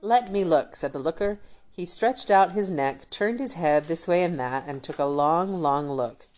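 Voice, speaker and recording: A woman reading a fairy tale aloud in an expressive, animated way. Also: low-pitched, measured pace, low-quality recording. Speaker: storyteller.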